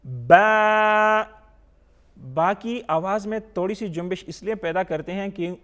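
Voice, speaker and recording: A man teaching a Quran reading lesson, asking questions and answering them himself, drawing out each letter as he recites it. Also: high-pitched. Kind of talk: slow teaching lesson with call-and-repeat recitation.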